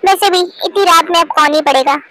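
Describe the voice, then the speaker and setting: A cheeky young woman who teases her best friend and shrugs off tests, performed by a woman in a fan dub. The voice is very high, with a faint hiss underneath. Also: a little fast, pushed and bright. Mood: teasing. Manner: teasing and carefree. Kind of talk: amateur Hindi fan dub.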